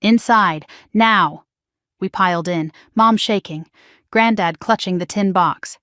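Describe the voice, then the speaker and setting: A woman telling a first-person suspense story as scripted narration, steady and dramatic. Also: lowish voice, measured pace, no echo, studio quality.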